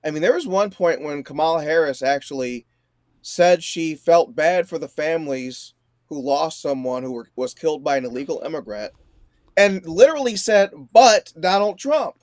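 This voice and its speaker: Man in his forties, guest, raised pitch, emphatic, dry close mic. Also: lively intonation, moderate pace, darkish tone, no echo. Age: 40s. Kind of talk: casual chat.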